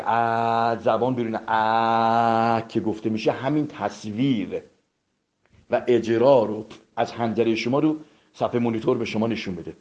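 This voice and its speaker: A man's voice: mid-range voice, mellow. A man giving a spoken vocal lesson, addressing listeners politely and demonstrating sounds by repeating them. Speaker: voice coach. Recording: dull lo-fi recording.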